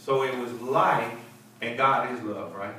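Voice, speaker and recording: Preaching forcefully at a measured pace, a middle-aged pastor with a bright, mid-range voice leads a Bible study, repeating words and calling for responses. The seated group is in a church fellowship hall, and his handheld mic is heard from a far camera, giving an echoey, distant sound with faint hiss.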